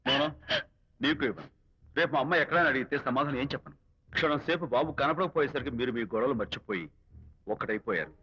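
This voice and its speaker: A bright, teasing young hero. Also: male voice, medium pitch, fast, pauses often, slightly rough. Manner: teasing, lively. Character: playful, good-hearted young man, loyal friend. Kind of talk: comic film dialogue. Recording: dull film audio with music.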